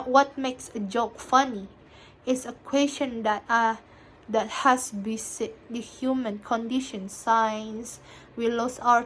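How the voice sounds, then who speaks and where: A young woman student reads an interview transcript aloud for a listening assignment. Her voice sits fairly high, and she moves slowly through the text. She trips over words and restarts them often. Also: fairly bright tone. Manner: halting reading with frequent restarts.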